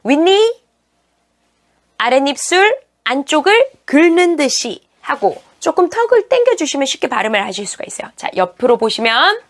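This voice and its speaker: A Korean woman teaching English pronunciation, asking learners questions and saying each English word slowly twice. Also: high voice, very animated. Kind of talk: online pronunciation lesson.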